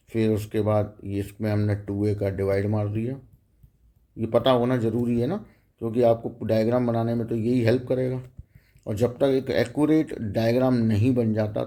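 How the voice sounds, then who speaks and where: A man's voice: lowish voice, warm tone. A man teaching a math lecture, explaining step by step and often checking in with the students.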